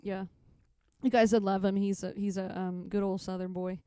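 A woman's voice: mid-range voice, flat delivery, normal speed, warm tone, clean tone, no room sound, clean studio sound. A woman co-hosting a music livestream, teasing her partner and laughing often in casual chat. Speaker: co-host and musician.

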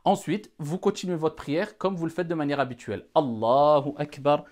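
A man's voice: a little high, a little fast, darkish tone. A man giving a careful religious lesson, addressing the audience formally and repeating key points to stress them. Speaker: religious teacher.

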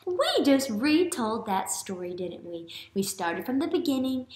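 An American woman in her thirties, an early elementary teacher, reads aloud to young children in a classroom, often pausing to ask them questions. Her voice is high and sing-song, unhurried and a little mellow, and she speaks expressively. The indoor room gives the recording a roomy echo.

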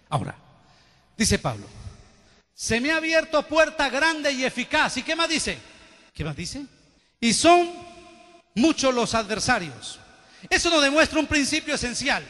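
Male pastor, very high, sharp and forceful delivery, call-and-response sermon, long hall reverb. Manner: fervent preaching with call-and-response to the congregation. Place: large church hall.

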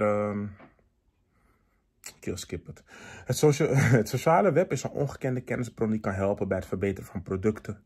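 A man's voice: lowish voice, slightly rough. Laid-back young man chatting about books. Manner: relaxed, chatty, laughs easily, mixes in English phrases. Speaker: vlogger reviewing books. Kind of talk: casual book review vlog. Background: faint background music.

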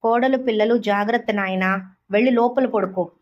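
A woman voicing the gentle, worried spirit of an old mother who appears in a dream, speaking tenderly and anxiously. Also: mid-range voice, moderate pace, dull audio, a little hiss or hum, natural voice.

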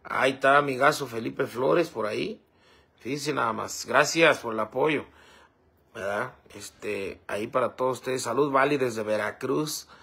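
Gravelly husky man chatting. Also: medium pitch, unhurried, sharp tone. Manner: rambling, fillers like "este" and "¿verdad?". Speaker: livestream host reading comments. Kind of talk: casual livestream chat.

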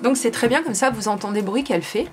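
A woman's voice: a little high, quick pace, a little mellow, a little hiss or hum. A woman hosting a casual crafting video, explaining a small printer app step by step in a chatty way, with many fillers. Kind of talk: casual product demo.

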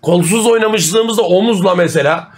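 A man's voice: sits high, normal speed. A young man streaming live, chatting casually, joking crudely and swearing a lot as he reads out donations.

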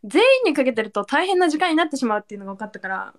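A woman's voice: sits high, very animated, very fast. A woman livestreaming in a collab battle, giggly and bubbly, thanking viewers for their gifts. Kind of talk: live-stream battle banter.

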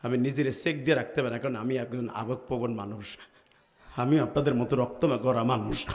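A man preaching an emotional Islamic sermon, swinging between shouted peaks and low, pained murmurs, his voice strained. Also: steady tone, brisk, long reverb tail. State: chest aching, strained. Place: large religious gathering.

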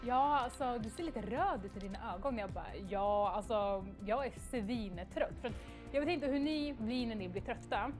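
A young woman on a livestream telling a story in a casual, animated way and acting out the quoted dialogue, with lots of fillers. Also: fairly high pitch, music in the background. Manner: frequent fillers like "liksom" and "jag bara".

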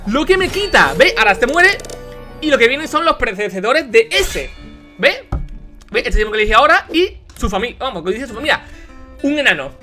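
Fast-talking excitable young Spanish man gaming. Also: very high voice, faint music behind. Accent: Spain. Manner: excitable, shouts and swears at the game. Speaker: gaming youtuber. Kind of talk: casual let's play commentary.

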